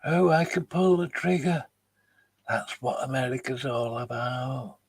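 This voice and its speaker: Slow, scornful man commenting on clips. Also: medium pitch, slightly rough. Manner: mocking, scornful, dismissive. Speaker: channel host reacting to videos. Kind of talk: live commentary on played clips.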